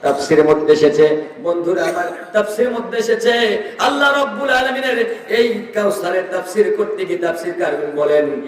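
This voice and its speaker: A man preaching a sermon, chanting and shouting, his voice swinging between high cries and low sung lines. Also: expressive, normal speed. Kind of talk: Bengali waz sermon. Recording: echoey hall, voice from far off.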